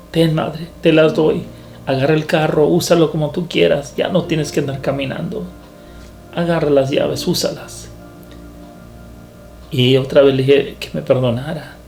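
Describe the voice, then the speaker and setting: A man's voice: a little high, vocal fry, darkish tone. Earnest man giving a sermon testimony. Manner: earnest, halting with repeated words. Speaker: preacher.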